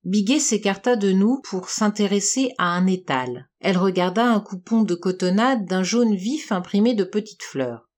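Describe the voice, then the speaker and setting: A woman reads a first-person literary story aloud. Her delivery is measured and even, at a middling pitch. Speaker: audiobook reader.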